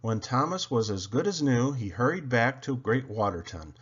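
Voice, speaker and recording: With a husky voice at normal speed, a storybook reader narrates a children's picture book, his pitch moving broadly and expressively between phrases. The audio is rather dull and lo-fi.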